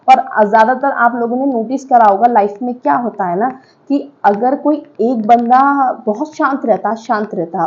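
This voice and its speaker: On a muffled recording, a woman with a slightly high, slightly mellow voice comments casually and emphatically for a reality show audience. She slips English words into her speech and checks in with her listeners.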